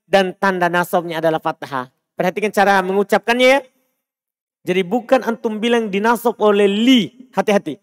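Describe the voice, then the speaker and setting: A man with a Makassar Indonesian accent teaching Arabic grammar in a mosque, quizzing students and slowly pronouncing Arabic examples. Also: sits high, clean tone. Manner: drills students with repeated questions, slows to spell out Arabic examples. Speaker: Islamic teacher.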